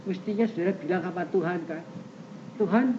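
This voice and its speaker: An older man preaching a sermon as pastor, questioning the congregation directly and swinging between loud high exclamations and soft low asides. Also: big pitch swings, normal speed. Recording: muffled old tape recording with faint hiss.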